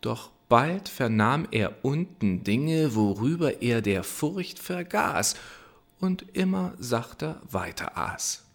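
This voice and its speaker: Guy reading an old rhyming fable, slow and lively in pitch, very theatrical. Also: gravelly. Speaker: reader. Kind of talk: verse fable recitation.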